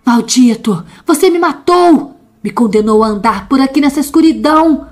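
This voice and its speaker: A woman voicing a vengeful undead female demon, hoarse and guttural, snarling threats in a horror audio story. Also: mid-range voice, lively intonation, moderate pace, fairly bright tone, soft background music, lightly acted. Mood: accusing. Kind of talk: dramatic audio-story reading.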